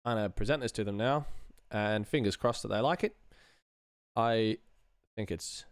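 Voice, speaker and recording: This thirty-something sound designer thinks aloud at work, speaking casually in brief muttered fragments close to the mic in a small room at home. His voice leans low, with a clean tone at a moderate pace, and the recording is dry. Loud music plays over the voice.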